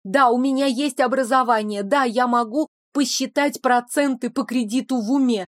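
A woman's voice: high-pitched, no room sound, studio quality, natural voice. A woman voicing a defiant heroine. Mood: ranting. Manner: quick, sharp and defiant. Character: indignant young woman from another world.

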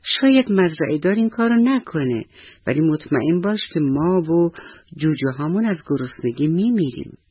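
Guy voicing a soft begging pigeon, husky highish voice, dry dull recording. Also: sing-song, no echo. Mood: pleading. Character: gentle hungry pigeon pleading for her flock.

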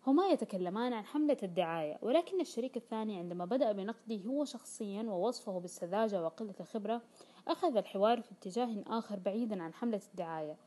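A woman's voice: mid-range voice, lively intonation, very fast, warm tone. A woman reading a self-help audiobook aloud, explaining points and quoting everyday dialogue in colloquial speech. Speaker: audiobook reader.

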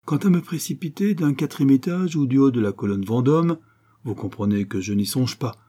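A man's voice: medium pitch, normal speed, warm tone, slightly rough, voice pushed up, close to an everyday voice. A man voicing a weary, sardonic French aristocrat in a storybook reading, dry and ironic.

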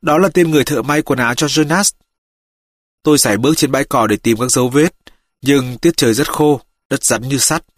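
A man as a calm, methodical detective. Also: medium pitch, no echo, studio quality, natural voice. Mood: measured. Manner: steady, measured reporting. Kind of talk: audiobook reading.

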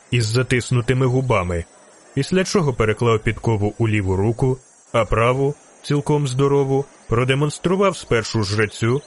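A man reading a fantasy novel aloud in steady storytelling narration. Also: mid-range voice. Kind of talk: audiobook narration.

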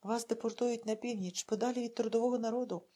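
Woman reads a harsh male chekist, contemptuous, barking orders, mellow husky tone. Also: on the high side, fairly even intonation, fast talker, natural voice. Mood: scornful. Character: harsh male Soviet secret police officer.

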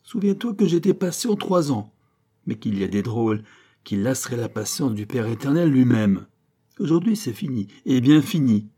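A man voicing a furious old priest schoolmaster in an audiobook, shouting heavy-accented scolds. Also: mid-range voice, a little slow, hardly any pauses, natural voice.

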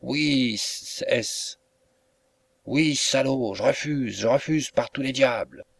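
A man's voice: mid-range voice, slow pace, vocal fry, no room sound, pitched above the performer's own voice. A man reading an audiobook, voicing a furious, foul-mouthed male lodging-house keeper who roars and curses. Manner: roaring, cursing, shouting.

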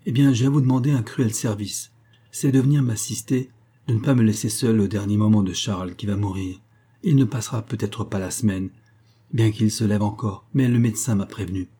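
A man's voice: lowish voice, dark tone, husky. A man voicing an anxious young woman whose husband is dying, in a pleading, earnest tone.

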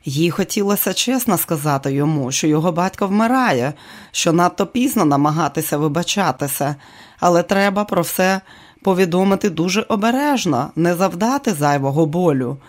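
A steady audiobook narrator reads the story in an even, measured voice. The delivery stays calm and clear, with a middle pitch.

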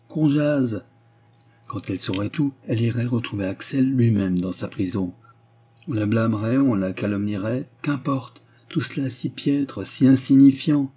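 Husky, dark-toned male audiobook narrator. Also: lowish voice. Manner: measured, expressive reading.

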